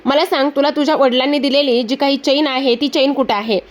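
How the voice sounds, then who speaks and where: A worried young nephew from a TV serial recap, read out by a woman. He asks anxious questions in a high voice. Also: fairly even intonation, fairly quick, close to an everyday voice. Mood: concerned. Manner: concerned questioning.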